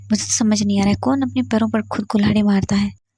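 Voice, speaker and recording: A woman's voice: medium pitch, fairly even intonation, fast talker, mellow, slightly rough, dry recording, clean studio sound, lightly acted. A woman voicing a hot-tempered, sulky young man who snaps and stammers when angry. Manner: snappish, stammering in anger.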